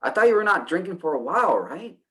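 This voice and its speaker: A man's voice: sits high, very animated, fast, bright, forceful tone, exaggerated voice. An actor playing a worried, exasperated male friend who presses with blunt questions in a stage play. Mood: pressing, worried.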